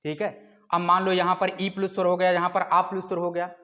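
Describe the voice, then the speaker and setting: A man's voice: sits high, monotone, brisk, sharp tone, lo-fi sound. A man teaching a class, explaining with rhetorical questions and stretching out sounds to demonstrate them. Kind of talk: classroom lecture.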